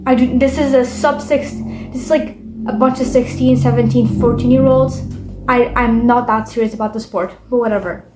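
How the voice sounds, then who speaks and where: A woman's voice: a little high, fairly even intonation, normal speed, over music. A young woman vlogging in a casual, rambling monologue, bitter and full of swearing. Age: young adult.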